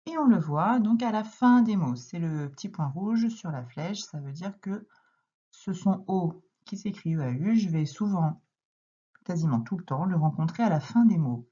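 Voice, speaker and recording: A woman gives a reading lesson to young children, taking her time and sounding out each letter and syllable. Her voice is low and warm, a little husky, and moves up and down a lot as she talks. The recording sounds dull and lo-fi. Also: lively intonation, normal speed. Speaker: primary school teacher.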